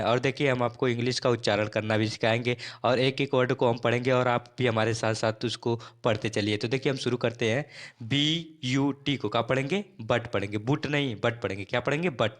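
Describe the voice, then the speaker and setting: Drilling English spelling and pronunciation, this medium-pitched man repeats each word after spelling it out one letter at a time.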